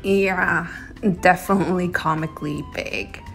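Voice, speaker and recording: A woman's voice: on the low side, fairly even intonation, measured pace, gravelly, music in the background. A young woman narrating a casual shopping vlog in a chatty, descriptive way. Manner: chatty, descriptive, reviewing products. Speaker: vlogger.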